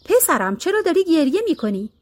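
A woman voicing a kind, gentle old bearded man who teaches music, in a storybook reading, soft-spoken. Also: very high-pitched, big pitch swings, voice pushed up. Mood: kindly.

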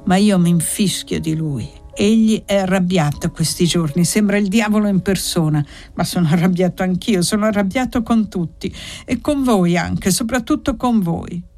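A woman's voice: mid-range voice, moderate pace, a little mellow, soft background music, close to an everyday voice. A woman voicing an angry, jealous young male servant in an audiobook, bitter and insistent.

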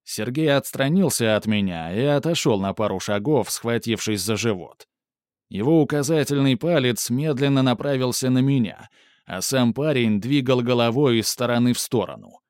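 Calm man narrating a story. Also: mid-range voice, moderate pace, clear, resonant tone, no room sound, clean studio sound. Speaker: audiobook narrator. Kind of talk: first-person scripted narration of a novel.

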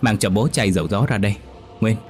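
A man's voice: on the low side, a little fast, soft background music, natural voice. A man voicing a concerned middle-aged farmer husband giving urgent instructions in a horror audiobook.

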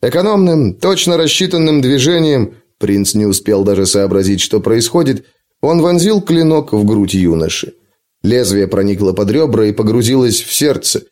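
Expressive male audiobook narrator. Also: on the low side, normal speed. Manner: expressive, dramatic reading. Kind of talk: scripted narration.

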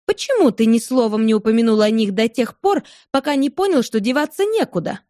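A woman's voice: on the high side, lively intonation, fairly quick, dark tone, dry recording, studio quality, close to an everyday voice. A woman voicing a capricious, pleading young wife. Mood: reproachful. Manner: pleading, reproachful, playful turning angry. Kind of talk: audiobook character voice.

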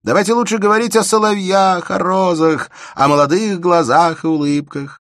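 A man reading aloud voices an excitable, hot-tempered young sculptor who mocks and shouts. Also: high voice, normal speed, no room sound, studio quality, pitched above the performer's own voice. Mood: coaxing. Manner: loud, heated, exclaiming.

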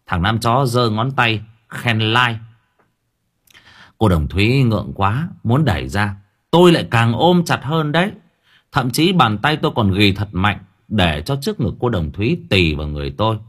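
A man narrating a story in a lively, wry storytelling manner. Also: on the low side, normal speed, slightly rough. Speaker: audiobook narrator.

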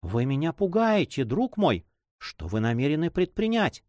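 A man's voice: fairly high pitch, sing-song, moderate pace, darkish tone, no room sound, studio quality. A man reading aloud and voicing a young woman in love, anxious and devoted, in a pleading, fearful, tender manner.

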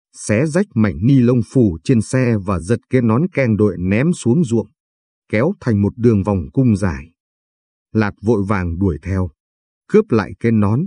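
A man reading a story aloud in a steady, even storytelling way. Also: on the low side, slightly rough, no room sound. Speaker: narrator.

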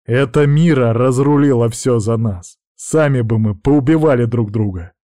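A man's voice: mid-range voice, normal speed, mellow, no room sound, clean studio sound, natural voice. A man voicing an anguished djinn lord. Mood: heated. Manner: desperate, pleading outbursts. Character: anguished, hot-tempered male lord of the djinn.

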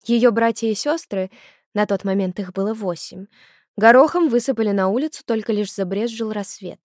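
A woman narrating a novel as an audiobook, reading in a measured, expressive way. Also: mid-range voice, no room sound, clean studio sound. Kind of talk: scripted narration.

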